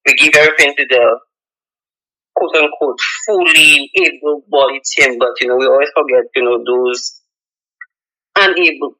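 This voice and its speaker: A man co-hosting a radio show, making a halting, filler-filled plea. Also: medium pitch, pushed and bright, low-quality recording. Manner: halting, filler-heavy pleading. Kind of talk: radio interview.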